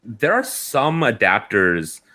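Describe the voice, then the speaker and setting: Bright, lively male co-host. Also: lowish voice, slow. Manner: brief interjections and questions. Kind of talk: casual chat.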